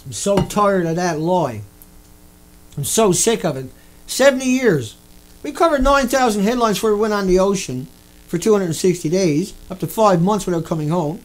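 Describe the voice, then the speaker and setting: A man delivering an angry, profane ranting monologue, repeating himself and bursting into shouts. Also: high-pitched, lively intonation, normal speed, rough recording. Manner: repetitive, profane, indignant. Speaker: video host.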